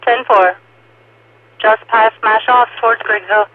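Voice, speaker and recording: High-voiced male dispatcher on police radio. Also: steady tone. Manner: brisk, clipped radio codes. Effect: police radio transmission. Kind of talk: two-way radio traffic. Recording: tinny radio dispatch line.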